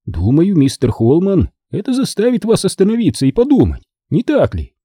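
A man reads as a sly, smug man whose voice is lifted a little above his own and rides a lively pitch. The tone is dark and husky, in a dry audiobook reading. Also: moderate pace, dry recording, exaggerated voice. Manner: smug and needling. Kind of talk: audiobook character voice.

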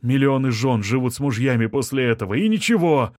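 A man's voice: medium pitch, normal speed, no room sound, studio quality, natural voice. A man narrating an audiobook, playing an irritable, portly middle-aged mayor who snaps impatiently. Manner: snappish, impatient.

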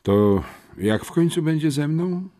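A man's voice: mid-range voice, animated, a little slow, dark tone, pitched above the performer's own voice. A man voicing a pampered teenage schoolboy sports champion, anxious and pleading.

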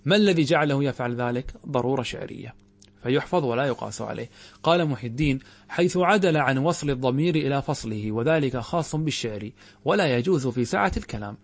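A man teaching a grammar lesson, reciting quoted verses slowly and drawn out, and questioning his students rhetorically. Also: mid-range voice, expressive. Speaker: Islamic scholar teaching grammar.

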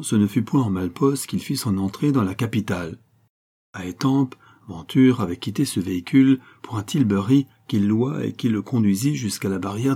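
Low dark-voiced male narrator. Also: husky. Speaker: audiobook narrator. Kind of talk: scripted narration of a classic novel.

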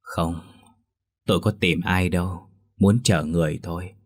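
A man voicing a slow, quiet middle-aged male ghost who speaks softly and low. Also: fairly even intonation, no echo, studio quality. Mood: eerie. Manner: slow, soft, hushed.

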